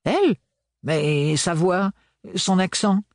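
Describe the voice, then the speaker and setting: A man's voice: high voice, animated, takes it slowly, dry recording, studio quality, pitched above the performer's own voice, heavily acted. A man reading an audiobook, voicing a blunt, matter-of-fact older aunt. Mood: shocked.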